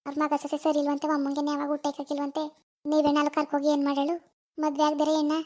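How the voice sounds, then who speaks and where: A firm, caring middle-aged village woman in a cartoon, as a woman puts her on, loud and consoling yet a little bossy. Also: sits high, monotone, quick pace, close to an everyday voice. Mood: persuading. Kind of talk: cartoon voice acting.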